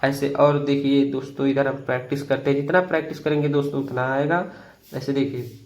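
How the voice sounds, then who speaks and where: A man teaching beginners to read Hindi, patiently repeating each word slowly and addressing viewers as friends. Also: mid-range voice, little pitch movement, a little mellow.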